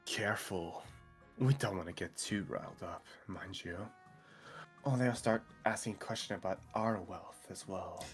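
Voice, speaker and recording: A player voicing a smug, scheming baron in a hushed, conspiratorial tone. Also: deep voice, unhurried, soft background music.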